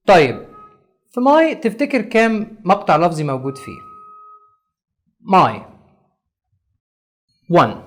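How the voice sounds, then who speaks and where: Egyptian guy teaching english basics, voice jumps up and down a lot, drags out words slowly to drill them. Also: on the high side. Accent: Egyptian Arabic. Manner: slow, over-stressed English pronunciation drills. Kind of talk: English lesson for Arabic-speaking beginners.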